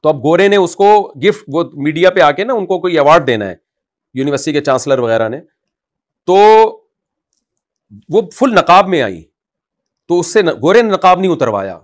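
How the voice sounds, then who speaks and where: A man's voice: lively intonation, long pauses. A man, an Islamic scholar, answering a question in an impassioned advice talk, emphatic and scolding at times. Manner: emphatic, rises loud to scold, then drops low and quiet.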